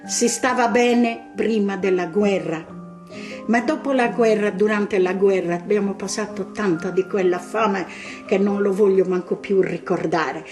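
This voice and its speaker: An older woman from Sardinia with a Sardinian Italian accent, slowly recalling her past in an interview. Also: mid-range voice. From Sardinia, Italy. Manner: slow, reflective storytelling. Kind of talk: reminiscing in an interview.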